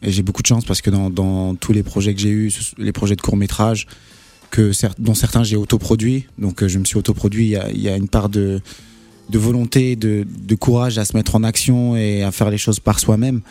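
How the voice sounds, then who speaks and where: A man actor in an interview, earnest and halting, often restarting his sentences. His voice is low and mellow. Faint music plays underneath. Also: flat delivery. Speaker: actor guest. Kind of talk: casual interview talk.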